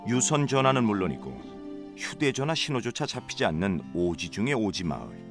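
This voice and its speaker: A man reads scripted documentary narration in a low voice. He moves very quickly, with lively rises and falls in pitch. Music plays clearly behind him.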